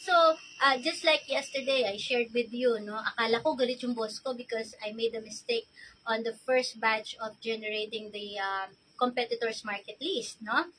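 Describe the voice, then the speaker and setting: A woman's voice: a little high, moderate pace, fairly bright tone, slight background noise, poor audio. A middle-aged Filipino woman with a Filipino accent, chatty and explaining things in a casual tutorial vlog, often checking in with "no?". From Philippines. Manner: chatty, mixing English and Tagalog, frequent "no?" tag questions. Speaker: virtual assistant coach.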